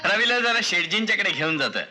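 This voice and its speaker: A man's voice: sits high, sing-song, fast talker, sharp tone, faint music behind, full character voice. A jovial proud father. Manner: jovial, laughing, affectionate. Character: proud cheerful father, warm clerk.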